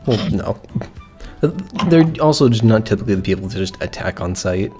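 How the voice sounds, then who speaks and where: A man's voice: on the low side, animated, brisk, a little mellow, soft background music. Hesitant man running a tabletop game. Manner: hesitant, filler-heavy. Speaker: game master.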